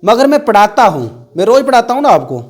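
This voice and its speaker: A man's voice: extremely high pitch, big pitch swings, fast talker, darkish tone. A man teaching an English grammar class, asking the students questions and repeating the key words.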